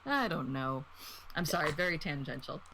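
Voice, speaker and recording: A woman's voice: low-pitched, lively intonation, normal speed, a crowd in the background. A woman in her thirties, a guest on a podcast, talking casually, laughing often and drifting into tangents. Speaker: guest reviewer.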